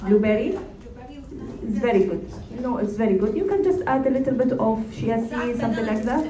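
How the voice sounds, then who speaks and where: A woman's voice: on the high side, fast, a crowd in the background. A woman with an Iraqi Arabic accent giving informal, instructive advice in answer to an audience question, often checking that she is understood. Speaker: nutrition expert answering questions. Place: room at a public talk, distant mic. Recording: roomy echo, far from the mic.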